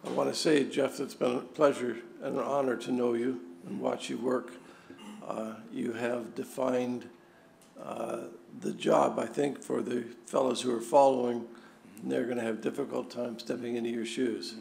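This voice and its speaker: A man's voice: medium pitch, flat delivery, normal speed, vocal fry, darkish tone, a little hiss or hum. A man on a police board giving brief, wry and plainspoken farewell remarks at a meeting.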